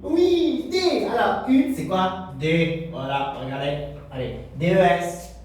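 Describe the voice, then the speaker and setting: Man, children's teacher: unhurried, singsong delivery in a reverberant classroom. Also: sits high, lively intonation, darkish tone. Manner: slow and drawn out, acting out the pupils' answers himself. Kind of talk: French lesson for children. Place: classroom with whiteboard. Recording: echoey room, mic far off.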